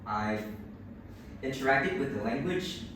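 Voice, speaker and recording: Slow and expressive, this mid-range male voice comes from a boy in his early teens from Vietnam, a native speaker of Vietnamese with a matching accent. Taking a speaking test, he answers exam questions hesitantly with many restarts, recorded in an echoey room on a far-off mic amid background noise.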